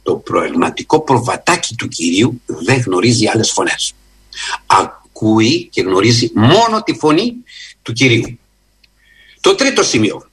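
A man preaching a sermon in an earnest, emphatic way, often rising in pitch and slowing for stress. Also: breathy edge. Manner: earnest, emphatic, with lively rises in pitch and slow stressed phrases.

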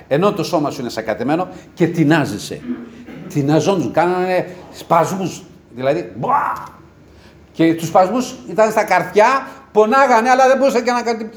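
A male preacher delivers an impassioned sermon, and his voice climbs and falls across a wide pitch range. He moves from loud, urgent cries to low, hushed murmurs. A faint hiss of noise sits under the recording.

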